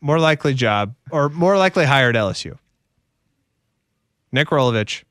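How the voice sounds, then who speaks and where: Bright, animated man bantering. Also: mid-range voice, moderate pace, dry recording, studio quality. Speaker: sports radio co-host. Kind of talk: casual banter. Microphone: close studio microphone.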